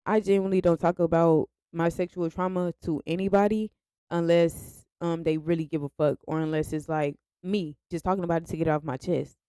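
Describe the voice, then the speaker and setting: Young woman, confessional vlog, frank, smooth clear voice, dry close sound. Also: lowish voice, fairly even intonation, brisk, dark tone, no echo. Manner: frank and confessional, speaks straight to her viewers. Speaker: vlogger. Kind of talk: candid personal vlog monologue.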